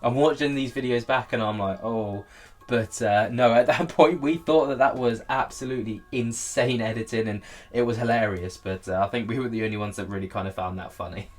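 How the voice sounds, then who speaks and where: A man's voice: mid-range voice, fairly quick, hardly any pauses, darkish tone. A man giving casual, candid commentary as he looks back on his own video, poking fun at himself. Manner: self-deprecating, candid.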